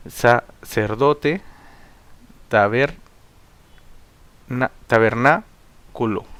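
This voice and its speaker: A man's voice: mid-range voice, fairly bright tone, no echo. Man dictating a spelling lesson. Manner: slow, word-by-word dictation of examples with occasional throat clearing. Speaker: teacher. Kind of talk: spelling lesson read from notes.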